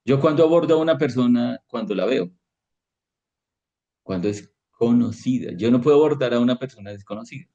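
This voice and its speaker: A man teaching a devotional Bible lesson as pastor, slow and questioning, often checking in with his listeners. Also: mid-range voice, mellow, lo-fi sound.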